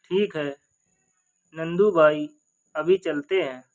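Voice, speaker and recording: A man's voice: a little high, takes it slowly. A man voicing a practical, loyal village friend in a folk story, speaking earnestly.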